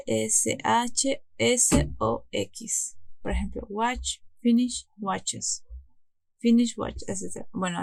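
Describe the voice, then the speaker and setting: Gravelly-voiced woman teaching grammar. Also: medium pitch, no echo. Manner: explains step by step, many restarts, reads English examples slowly. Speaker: English teacher. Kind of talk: online grammar lesson.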